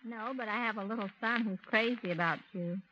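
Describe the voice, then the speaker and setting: A woman's voice: fairly high pitch, brisk, bright, forceful tone. A woman playing a fluttery, gushing guest in 1930s radio comedy. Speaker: comic guest. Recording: old lo-fi radio recording with hiss.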